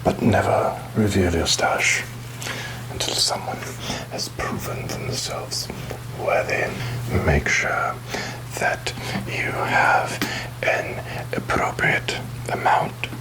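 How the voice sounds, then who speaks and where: A man playing a roguish, rum-obsessed pirate captain in a breathy, halting whisper for an ASMR roleplay, with wary, theatrical, mock-grand phrasing. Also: low voice, wildly swooping pitch, heavily acted, poor audio. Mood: sly, instructive.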